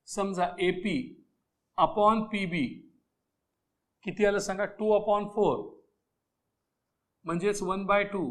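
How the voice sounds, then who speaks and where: High-voiced man teaching math slowly. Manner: switches between Marathi and English, repeats key phrases; keeps checking that students follow. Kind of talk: classroom lesson explanation.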